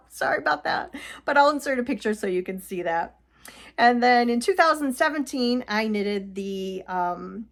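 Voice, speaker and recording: A woman hosting a knitting vlog, chatting casually about her shawls with frequent laughs and fillers. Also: mid-range voice. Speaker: knitting podcast host. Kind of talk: casual chat showing knitted projects. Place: home.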